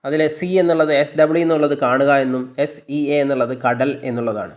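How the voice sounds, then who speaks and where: Malayali man slowly drilling English words. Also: mid-range voice. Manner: repeats word lists slowly, then explains each; corrects his own slips mid-sentence. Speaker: English teacher. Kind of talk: explaining English lessons in Malayalam.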